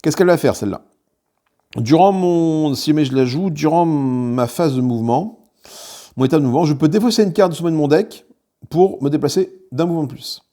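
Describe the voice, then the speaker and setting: A man's voice: fairly high pitch, fairly quick, warm tone. A man hosting a board game channel, talking viewers through a solo playthrough with frequent fillers and restarts. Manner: talks viewers through card rules while handling components.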